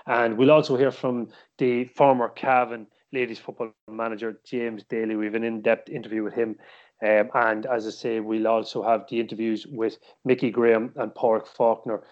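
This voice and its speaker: A man's voice: mid-range voice, flat delivery, normal speed, a little mellow. Irish man hosting, slightly muffled sound. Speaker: podcast host. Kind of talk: casual sports discussion. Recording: slightly dull, muffled podcast audio.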